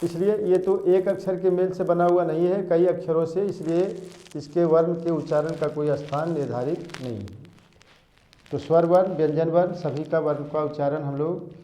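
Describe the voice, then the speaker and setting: A man teaching a Hindi grammar lesson, going over each point slowly and repeating it as a drill. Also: fairly high pitch, fairly even intonation, mellow. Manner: slow, repetitive drilling of points. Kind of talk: classroom lesson. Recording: echoey room, dull lo-fi sound.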